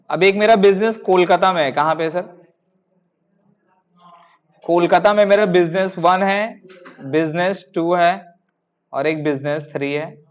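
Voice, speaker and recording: A man teaching a classroom tax lesson, telling a lively story and addressing students as sir. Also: high voice, highs cut off. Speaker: tutor. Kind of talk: classroom lecture with anecdote.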